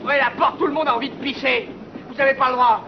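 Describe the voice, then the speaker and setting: A man acting in a film drama as a desperate, defiant prisoner, pleading and cursing at his guards in shouts. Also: steady tone, fast. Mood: frantic, furious. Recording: muffled film audio, loud train rumble.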